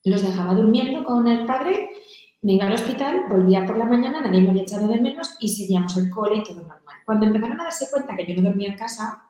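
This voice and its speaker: A woman's voice: mid-range voice, lively intonation, fast talker, mellow. A middle-aged woman answering interview questions in an earnest, storytelling way, sometimes voicing her children. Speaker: founder of a volunteer mothers' group, guest. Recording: very echoey room.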